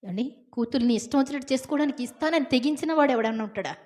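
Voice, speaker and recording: A woman preaching a sermon, telling the story with lively asides to her listeners. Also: high-pitched, rapid-fire. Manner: animated storytelling with acted quotes and repeated asides to the listeners.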